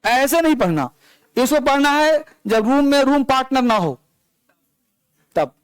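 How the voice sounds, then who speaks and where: High, clear-voiced male teacher. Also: lively intonation, measured pace, dry recording. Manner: instructive, calls on students and drills them. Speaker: English teacher. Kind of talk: classroom teaching.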